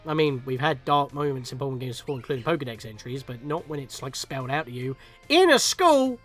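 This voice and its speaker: A man's voice: medium pitch, very animated, fast, a bit bright, faint music behind. A man giving chatty, casual commentary on a video game as he plays, reading text aloud and reacting to it. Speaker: let's play streamer.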